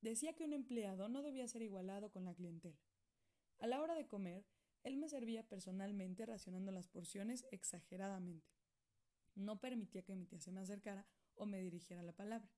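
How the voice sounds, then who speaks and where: A woman's voice: mid-range voice, brisk, warm tone. Woman narrating. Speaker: audiobook reader. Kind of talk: first-person audiobook narration.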